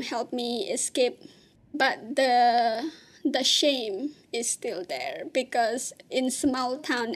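A woman from Indonesia, telling her own story in an earnest, halting way with pauses and restarts. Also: on the high side. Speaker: interviewee. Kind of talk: personal testimony.

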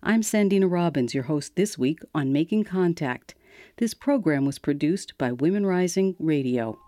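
Mellow-voiced woman radio host. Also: low voice, lively intonation, normal speed, dry recording. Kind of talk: scripted narration.

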